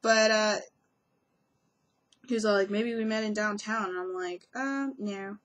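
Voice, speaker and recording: A woman's voice: mid-range voice, flat delivery, normal speed, fairly bright tone. A young woman vlogging casually, rambling through a story with lots of fillers and self-corrections, acting out what people said.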